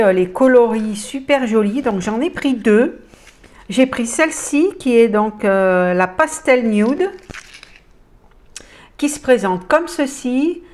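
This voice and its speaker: A woman casually showing makeup palettes on her channel, hesitant with many fillers and enthusiastic about the colors. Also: mid-range voice. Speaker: beauty vlogger. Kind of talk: casual product haul chat.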